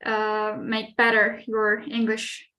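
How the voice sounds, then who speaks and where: A woman co-hosts a live English class over a video call, and her voice sits high and bright. She talks gratefully and hesitantly, pausing as she searches for words. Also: monotone. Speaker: English teacher, co-host. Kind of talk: live online class hosting.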